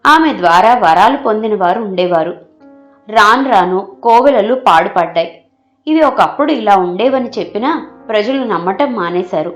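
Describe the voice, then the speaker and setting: Steady woman narrating a folk tale. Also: mid-range voice, soft background music. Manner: steady, measured storytelling. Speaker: storyteller.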